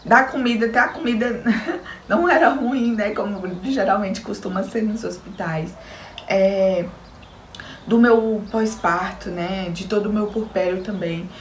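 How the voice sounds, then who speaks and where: A woman's voice: medium pitch, unhurried. Young brazilian woman, emotional heartfelt storytelling, talks right to her viewers, echoey room with a bit of noise. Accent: Brazilian Portuguese. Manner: emotional, earnest storytelling, addresses viewers directly. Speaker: new mother giving a testimony. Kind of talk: personal testimony.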